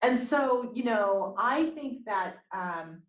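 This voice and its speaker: A woman's voice: fairly high pitch, expressive, slow pace, roomy sound, rough recording. A woman, a business coach, hosting an interview over a video call, explaining points and checking in with questions.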